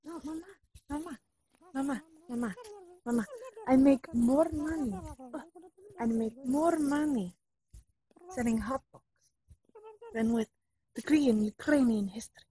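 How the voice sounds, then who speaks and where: A woman's voice: sits high, a little slow, long pauses, mellow, poor audio. A woman playing a self-styled fake Russian spy in a comedy sketch, speaking broken English in a put-on Russian accent, whispering conspiratorially and pleading with her mother on the phone. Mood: exasperated pleading.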